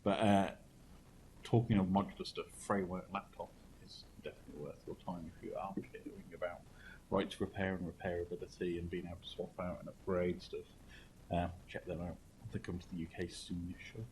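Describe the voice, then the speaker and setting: Deep-voiced sarcastic man. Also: little pitch movement, fairly quick, background noise. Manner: sarcastic, wry. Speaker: podcast co-host. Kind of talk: casual chat.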